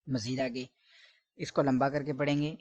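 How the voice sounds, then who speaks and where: A man's voice: mid-range voice, level tone, normal speed, a little mellow, no room sound. A man teaching letter pronunciation, correcting common mistakes and repeating each sound several times. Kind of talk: Arabic letter pronunciation lesson.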